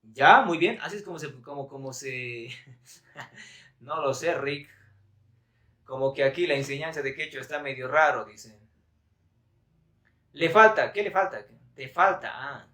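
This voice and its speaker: A man's voice: a little high, measured pace, pauses often, pushed and bright, reverberant, recorded from a distance. A man teaching a live-stream language lesson in a chatty, laughing way, reading viewer comments aloud. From Bolivia. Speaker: Quechua teacher.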